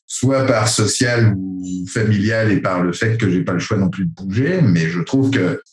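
Casting: low-voiced man from France, rambling talker, echoey room sound. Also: unhurried. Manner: rambling, many restarts and fillers. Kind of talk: casual discussion.

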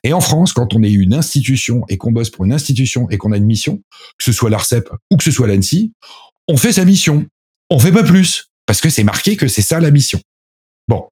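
Man, husky voice, ironic commentator who mocks and hesitates. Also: medium pitch, animated, a little mellow. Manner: ironic, mocking parody voices with pauses and restarts. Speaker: commentator explaining a new law. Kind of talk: casual commentary.

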